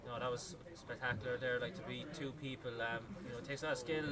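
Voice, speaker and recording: A man with an Irish accent doing live esports commentary, talking fast with lots of "like" fillers and rising to shouts on big plays. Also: mid-range voice. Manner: excitable, rises to yelling on big plays, many "like" fillers. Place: gaming arena venue. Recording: loud crowd behind at a live event.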